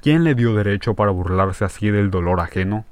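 A man's voice: on the low side, lively intonation, brisk, a little mellow, smooth, no room sound, natural voice. A man reading the part of a grieving country doctor who speaks with harsh, emphatic scorn. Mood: bitter anger.

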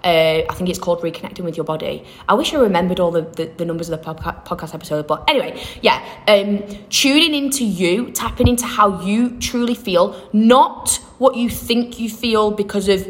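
A woman's voice: medium pitch, fairly quick, few pauses. A young woman hosting a self-help podcast, talking in an upbeat, encouraging way, rambling and correcting herself as she goes. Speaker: podcast host.

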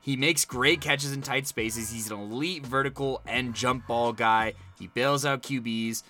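A man's voice: medium pitch, measured pace, pushed and bright, soft background music. An American man giving casual sports analysis as a co-host, talking discursively and piling up points.

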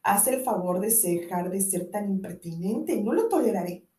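A woman's voice: medium pitch, expressive, normal speed, warm tone, distant mic, natural voice. A woman reading an impatient male boss. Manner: curt, snapping. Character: man, the boss, impatient and flustered. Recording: roomy echo.

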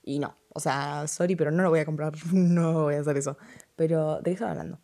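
A woman's voice: low-pitched, steady tone, fast talker, creaky, mellow. A teenage girl with an Argentine accent giving blunt, dismissive opinions on fashion in a casual vlog, repeating "no" often. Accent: Argentine Spanish.

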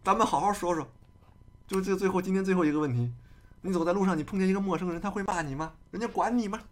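A man's voice: high-pitched, fast. A man hosting a casual livestream chat, arguing his case with many rhetorical questions. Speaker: streamer host.

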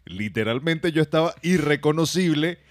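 A man's voice: fairly high pitch, lively intonation, normal speed, no room sound, clean studio sound. A man with a Venezuelan Spanish accent, co-hosting a casual film-review podcast, joking and slipping into mock voices. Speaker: podcast co-host.

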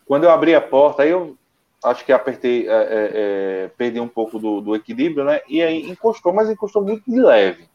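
A man co-hosting an online talk from home, telling a story in a relaxed, rambling way with many restarts. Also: medium pitch, fairly quick. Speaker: co-host of an online study show. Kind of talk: casual storytelling and sign-off. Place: his home. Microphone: internet call. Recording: dull, lo-fi internet call audio.

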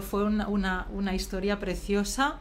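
A woman's voice: mid-range voice, flat delivery, moderate pace. A woman telling her own story in casual chat, acting out quoted lines with rising emotion.

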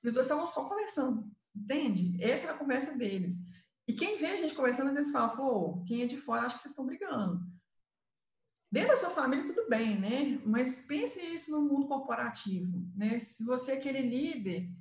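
Brazilian woman consultant, higher voice, explains patiently, roomy echo. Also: very animated, brisk, darkish tone. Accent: Brazilian Portuguese. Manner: explanatory, uses filler "né". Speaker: communication consultant. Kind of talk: casual live chat.

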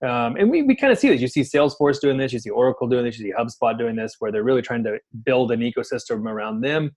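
A man co-hosting a podcast in casual chat, easygoing and quick to laugh. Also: medium pitch, expressive, darkish tone. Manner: easygoing, laughs often, many fillers. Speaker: podcast co-host.

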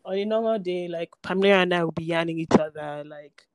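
A woman's voice: fairly low pitch, no echo. Teasing woman in her twenties, dry sound. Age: 20s. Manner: playful, teasing, quick banter. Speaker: podcast co-host. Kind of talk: casual chat.

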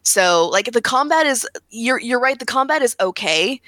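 A woman chatting casually about video games on a podcast, talking fast with lots of "like" fillers and restarts. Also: a little high, lively intonation, sharp tone, dry recording. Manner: rapid, full of "like" fillers and restarts. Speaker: podcast panelist.

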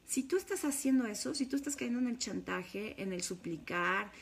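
A woman's voice: medium pitch, lively intonation, normal speed, creaky, slight background noise. A woman with a Mexican accent, a spiritual course leader, speaking to her viewers in a frank, emphatic confessional monologue.

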